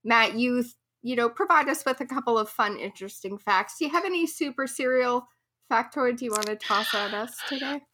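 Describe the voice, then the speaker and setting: A woman's voice: on the high side, expressive, fairly quick, sharp tone, a little hiss or hum. A woman co-hosting a podcast, giggly and steering the casual group chat. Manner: giggly, leads the conversation. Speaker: podcast co-host.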